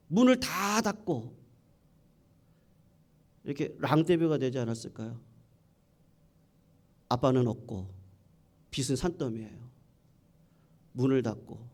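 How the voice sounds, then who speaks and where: A man's voice: a little high, a little mellow. A middle-aged man preaching a sermon as pastor, telling the story dramatically, asking the congregation questions and acting out the people in it.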